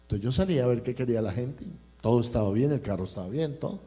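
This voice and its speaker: Colombian pastor with a mellow voice. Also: male voice, mid-range voice, animated, fast talker, soft background music. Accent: Colombian Spanish. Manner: storytelling, acting out dialogue and addressing the congregation. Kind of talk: sermon with personal anecdote. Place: church service.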